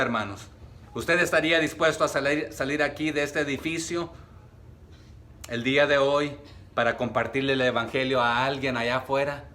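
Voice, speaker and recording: A man's voice: mid-range voice, pushed and bright, a little hiss or hum. A man preaching a sermon to his congregation, speaking to them as brothers, asking them questions and acting out the words of biblical figures. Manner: addresses congregation as brothers, asks rhetorical questions, acts out quotes. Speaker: pastor. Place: church.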